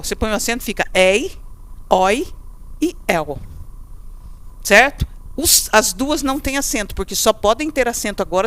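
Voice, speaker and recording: A woman's voice: on the high side, a bit bright, no echo. Chatty Brazilian woman teaching a class. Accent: Brazilian Portuguese. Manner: chatty, asks the class questions, acts out students. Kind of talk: lively classroom lecture.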